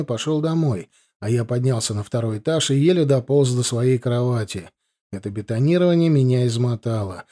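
Young male narrator for a first-person audiobook; calm and conversational, warm low tone.

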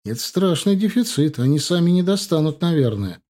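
Guy doing a chatty excited housewife, higher pitch, kinda breathy. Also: fairly quick. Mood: worried. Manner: fussy, exclaiming.

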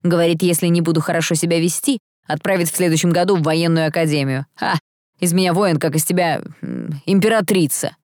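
A woman reading a haughty young half-angel man from a storybook, flippant and mocking. The voice sits low with a dry, close sound. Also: fairly even intonation, brisk, darkish tone, no echo, natural voice. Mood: indignant.

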